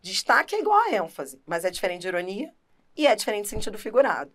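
Uma professora com sotaque brasileiro dando uma aula de gramática animada e enfática, falando direto com o aluno. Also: female voice, mid-range voice, quick pace. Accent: Brazilian Portuguese. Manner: animated, emphatic, talks straight to the student. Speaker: teacher. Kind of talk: lively grammar lesson.

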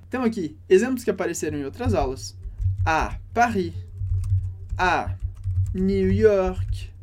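A man teaching French in a recorded lesson, speaking slowly and carefully and repeating each French phrase to model its pronunciation. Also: sits high.

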